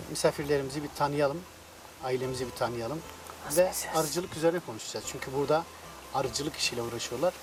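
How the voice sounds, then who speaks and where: A man's voice: medium pitch, noisy background. A man hosting a casual interview, chatty and given to teasing his guests. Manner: teasing, jokey. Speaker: host interviewer. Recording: clear music behind the voice.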